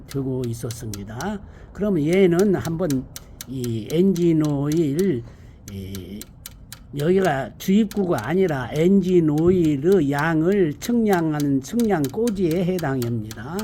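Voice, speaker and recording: A man giving an unscripted hands-on car maintenance demonstration, explaining step by step in a halting, repetitive way. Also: fairly high pitch, warm tone. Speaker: presenter of a car maintenance how-to video. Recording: amateur recording with background ambient noise.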